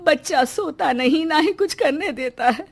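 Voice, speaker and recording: A patient older mother-in-law from a cartoon story, voiced by a woman. She talks gently and pleads softly. Her voice sits a little high. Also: expressive, a little slow. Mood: pleading. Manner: gentle, soft-spoken, pleading.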